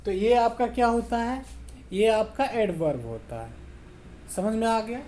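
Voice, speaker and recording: Slow, patient male English teacher. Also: sits high, animated, darkish tone. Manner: slow, repetitive, checks understanding often. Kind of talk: spoken English lesson in Hindi.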